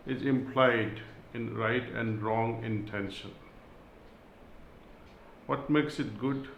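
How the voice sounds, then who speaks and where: A man giving a spiritual talk and reading aloud, in a slow, measured way with long pauses. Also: medium pitch, creaky, roomy sound, a little hiss or hum, low-quality recording. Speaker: spiritual teacher.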